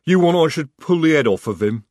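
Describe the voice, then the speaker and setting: Brief: big slow troll recruit, rumbling and blunt, a man's read. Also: animated, darkish tone, dry recording, studio quality, lightly acted. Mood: menacing. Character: huge slow male troll soldier, rumbling.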